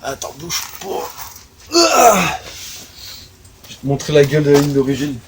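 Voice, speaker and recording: A man's voice: a little high, very animated, measured pace, background noise. A man casually showing off his car in a garage, hesitant and full of fillers as he points out parts. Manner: chatty, hesitant with many fillers, pointing things out.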